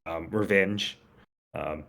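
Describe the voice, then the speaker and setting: A man's voice: deep voice, slow pace, creaky, a bit bright. A man hosting a casual chat, talking eagerly with lots of fillers and laughs. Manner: enthusiastic, many fillers and laughs. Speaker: podcast host.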